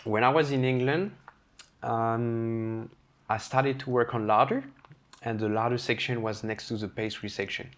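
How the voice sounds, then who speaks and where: With a mid-range, unhurried voice, a chef from France speaks with a French accent as an interview podcast guest. He's candid and lively, acting out quoted lines as he tells stories in a casual interview.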